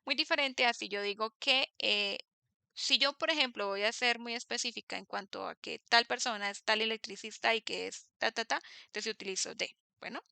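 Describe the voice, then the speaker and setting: A woman teaching a class with a piercing, very bright and clear voice, pitched a little high. She explains grammar patiently, slowing to model words and stopping often with quick check-in questions. The sound is dry and close. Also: dry recording. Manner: patient, keeps checking understanding with tag questions; slows down to model English words. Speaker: English teacher.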